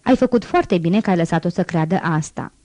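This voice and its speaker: A woman reading the part of a solemn, quiet male ex-convict mayor in an audiobook. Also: lowish voice, animated, dry recording, lightly acted. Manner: grave, quiet and restrained.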